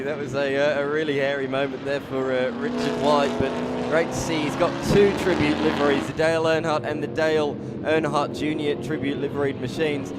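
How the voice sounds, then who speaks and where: A man giving live motorsport commentary on a car race. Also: fairly high pitch. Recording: loud car and engine noise behind. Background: race cars and trackside ambience.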